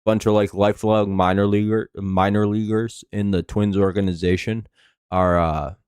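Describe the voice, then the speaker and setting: An American man hosts a casual sports live stream in a low voice, recorded dry and close. His s sounds whistle with a slight lisp from false teeth. He rambles through play-by-play and chat like a fan, swearing as he goes. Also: fairly even intonation, moderate pace, darkish tone, clean tone, no room sound. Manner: rambling, profane, laid-back fan talk.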